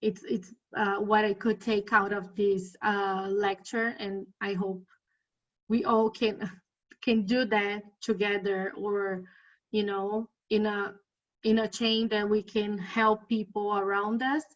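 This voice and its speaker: Woman in a study group, slow and unsure, keeps hunting for words, kinda muffled recording. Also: mid-range voice, little pitch movement. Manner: hesitant, searching for words, many fillers. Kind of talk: casual spiritual study discussion. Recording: dull lo-fi audio.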